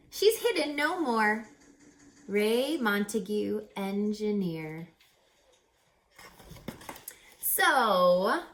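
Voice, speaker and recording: A woman with a fairly high, slightly bright voice reads a children's story aloud in a teacherly way. She's dramatic and emphatic, putting rhetorical questions to her listeners in expressive asides.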